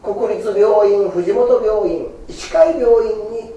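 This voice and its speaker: A man's voice: high voice, slow pace, warm tone, muffled recording. A man with a giving a Buddhist sermon in a folksy, earnest, coaxing way. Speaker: Buddhist preacher. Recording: very echoey hall, mic far off.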